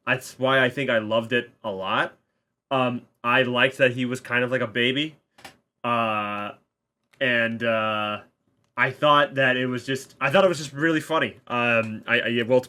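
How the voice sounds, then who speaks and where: A man's voice: medium pitch, bright, forceful tone. A man talking as a guest in a casual film chat, enthusiastic, stumbling over restarts and swearing often.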